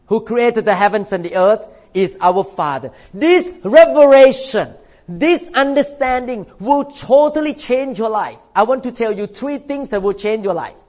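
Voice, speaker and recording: With an extremely high-pitched voice, an older Thai pastor gives a sermon in church, lengthening key words for emphatic stress. The high frequencies are cut off in the recording.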